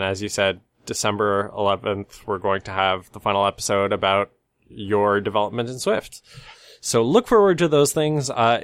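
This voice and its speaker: A man's voice: mid-range voice, smooth, no echo. A man with a slightly nasal, stuffed-up voice from a cold, co-hosting a casual podcast. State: congested from sneezing. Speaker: podcast co-host.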